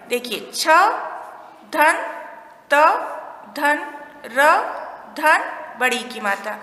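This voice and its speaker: A woman teacher giving a slow, deliberate lesson to small children, stressing each syllable. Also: sits high, bright, forceful tone. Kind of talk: spoken classroom lesson for young children. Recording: echoey room with long reverb.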